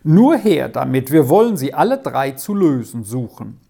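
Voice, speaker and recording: A kindly older uncle from a storybook speaks in a low, gravelly, mellow voice, as a woman narrator puts him on. He takes his time, genial and fatherly. His delivery stays relaxed and warm. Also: moderate pace, heavily acted. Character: kindly older gentleman uncle, jovial and unhurried. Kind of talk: audiobook character voice.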